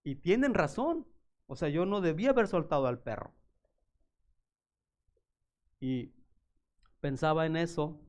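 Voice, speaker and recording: A man preaches in a church, weaving personal anecdotes into his sermon. He talks in a fairly high voice and brings the stories to life by acting out the people in them. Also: measured pace, pauses often. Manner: animated storyteller acting out voices. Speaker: pastor.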